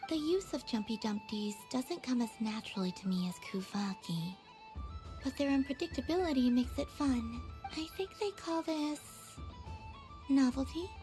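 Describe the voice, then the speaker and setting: A woman's voice: sits high, animated, moderate pace. A woman voicing an innocent, serenely detached young woman in a video game, mild and understated. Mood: calm, curious. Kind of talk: anime-style video game character acting. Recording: music behind voice.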